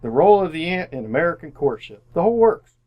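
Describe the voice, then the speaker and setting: In an old-time style radio drama, a man plays a slick, chummy salesman for a romance agency, brimming with boundless confidence. His voice is a little high and sing-song, he talks fast, and the audio is dull. He sounds brash and pleased, with a glib, emphatic delivery.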